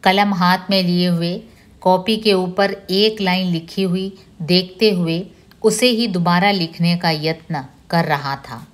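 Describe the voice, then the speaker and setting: A woman lecturer reading a novel aloud for a literature class in a measured, deliberate way. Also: on the low side, steady tone.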